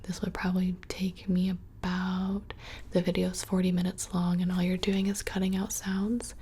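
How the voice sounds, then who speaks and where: A woman's voice: on the low side, monotone, moderate pace, mellow, slight background noise. A young woman whispering casually and close to the microphone, rambling through questions in an ASMR video. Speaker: ASMR creator. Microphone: close studio microphone.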